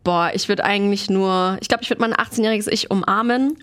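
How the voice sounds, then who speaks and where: A woman's voice: mid-range voice, fairly quick, fairly bright tone. A young woman, chatting as an interview guest and mixing in English phrases. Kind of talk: casual interview chat.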